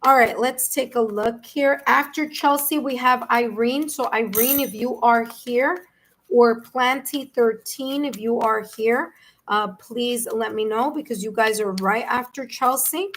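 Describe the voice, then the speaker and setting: A woman's voice: fairly high pitch, a little slow, a bit bright, a little hiss or hum, poor audio. A woman with a New York accent giving a live-streamed tarot reading, rambling along with frequent "okay?" check-ins and restarts. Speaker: tarot reader.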